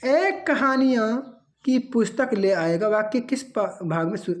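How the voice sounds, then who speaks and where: A woman teaching an exam-prep grammar class with a lively, rising and falling voice. She reads out each answer option, then corrects it in a quick, chatty way. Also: mid-range voice.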